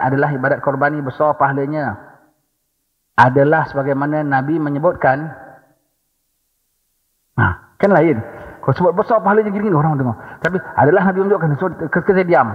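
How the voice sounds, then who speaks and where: A Malaysian religious teacher, a man with a slightly high voice, delivers a religious lecture in an echoing hall. He throws in rhetorical "ha?" prompts and humorous asides. The recording is dull, with a long echo from the hall.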